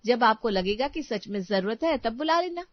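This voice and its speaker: A bitter, accusing young daughter-in-law, voiced by a woman storyteller. Her complaints come quick and sharp, in a dry, dull lo-fi recording. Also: on the high side, lively intonation, no echo, natural voice.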